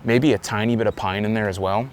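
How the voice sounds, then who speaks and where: Outdoors on a windy day, with wind noise behind him, a man gives a casual beer review. His voice is lowish and steady, and he talks fast. He rambles loosely and keeps correcting himself.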